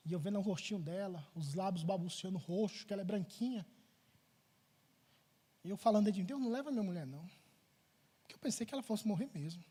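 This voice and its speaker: A middle-aged man, a pastor preaching a sermon in church, telling a personal story with animated swings between loud and hushed delivery. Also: sits high, fast, breathy edge.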